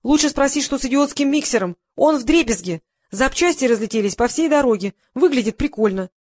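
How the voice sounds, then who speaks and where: A woman voicing a carefree young press secretary in an audiobook, with breezy, rapid, cheerful chatter. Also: high voice, expressive, a little mellow, no echo, studio quality, voice pushed up. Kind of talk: audiobook reading.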